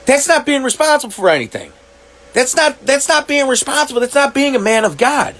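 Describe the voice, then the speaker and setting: A man talking to camera, reacting to clips, swearing often and working out his thoughts aloud with halting restarts. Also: extremely high pitch, sing-song, a bit bright. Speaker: commentary vlogger. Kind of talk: reaction monologue.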